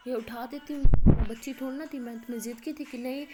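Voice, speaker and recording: A woman's voice: high voice, steady tone, very noisy, lightly acted. A woman voicing a flustered young woman who protests and denies being jealous. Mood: huffy. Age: young adult. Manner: huffy, protesting, quick retorts.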